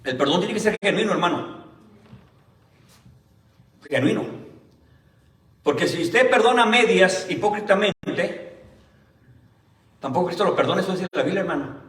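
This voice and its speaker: Pastor guy preaching, kinda high voice, sounds far off the mic in a big echoey church. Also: expressive, fairly bright tone. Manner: keeps calling the listeners "brother" in almost every phrase; reads scripture aloud slowly and deliberately. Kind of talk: Sunday sermon. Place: church hall. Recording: roomy church hall, mic at a distance.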